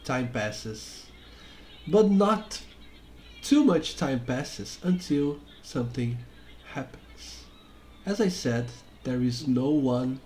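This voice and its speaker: A man working as game master, improvising narration in a halting manner and often repeating words. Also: mid-range voice, a little mellow, a little hiss or hum.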